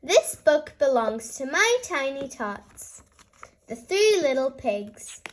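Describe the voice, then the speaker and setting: A woman reading a storybook to small children in an animated fairy tale opening manner, as a host of story time. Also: sits high, takes it slowly, slight background noise, rough recording.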